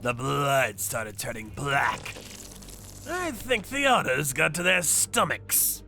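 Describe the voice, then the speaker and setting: Menacing and theatrical, a man voices a ruthless underworld avenger in a manga dub, grimly narrating his torture jobs. His medium-pitched voice is animated, slow, gravelly and sharp, deliberately exaggerated, with background music playing under it.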